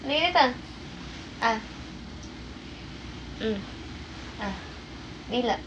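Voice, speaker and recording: A woman's voice: fairly high pitch, animated, slow pace, a bit bright, dull audio, a little hiss or hum. A woman from the Philippines hosting a casual phone livestream, playful and teasing, often breaking into laughter. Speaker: livestream host. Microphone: phone mic.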